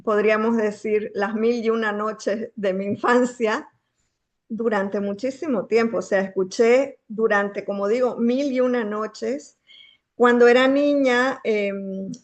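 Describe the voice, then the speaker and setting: A woman author from Bolivia with a Bolivian Spanish accent, speaking in a reflective way, pausing and searching for words. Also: a little high, steady tone, muffled recording. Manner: reflective, searching for words, many filler pauses. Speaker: guest author. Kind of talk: thoughtful conversation.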